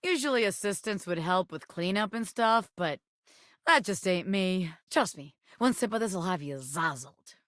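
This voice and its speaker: A sassy lady bobby pin crook for a game, bright punchy voice, wisecracks in old gangster slang, super dry close sound. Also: fairly low pitch, lively intonation, moderate pace, no room sound. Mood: sly, wisecracking. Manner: brash, slangy gangster talk with old-time slang and teasing. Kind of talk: video game character voice acting.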